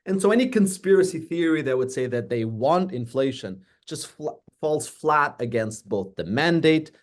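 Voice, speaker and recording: This middle-aged man from Portugal, a professor of economics, has a fairly high-pitched, expressive voice. He lectures in a measured manner, explaining through rhetorical questions.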